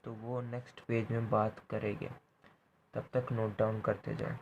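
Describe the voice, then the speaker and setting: A man's voice: on the low side, little pitch movement, unhurried, creaky, lo-fi sound, a little hiss or hum. A man teaching a history class, explaining step by step and checking in with "theek hai" after each point. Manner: repeats points, ends phrases with "theek hai".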